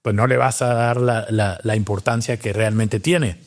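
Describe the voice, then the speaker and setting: A man's voice: lowish voice, fairly even intonation, moderate pace. A man from Cuba, a doctor and scientist, telling his story in a casual interview, thoughtful and full of restarts. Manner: reflective, with many fillers and restarts.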